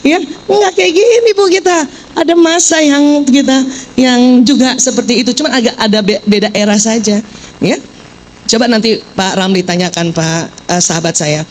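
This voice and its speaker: A middle-aged woman giving a lively, joking parenting seminar, quizzing her audience. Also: fairly high pitch, normal speed, a little hiss or hum, rough recording.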